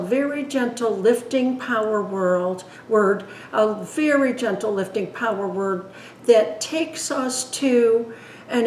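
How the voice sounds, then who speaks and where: A woman spiritual teacher and author speaking in a calm, gentle, unhurried way as she guides a meditation. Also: fairly high pitch. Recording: roomy echo, faint background noise.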